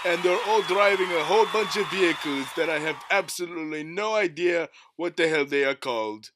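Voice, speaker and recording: A man's voice: a little high, a little fast, noisy background, close to an everyday voice. A man voicing a brash, showy race announcer hyping up a crowd.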